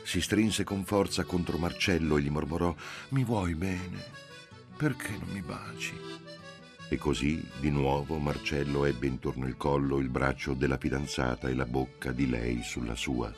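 A man reading a novel aloud as an audiobook, in a measured, even-paced way, softening his voice for the dialogue. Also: rumbling low, over music. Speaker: audiobook reader. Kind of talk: literary audiobook narration.

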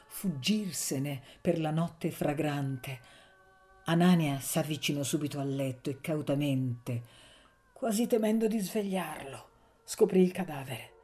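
A woman with a deep voice reads a novel aloud in a steady, measured way. Her tone is warm and mellow, fitting audiobook narration.

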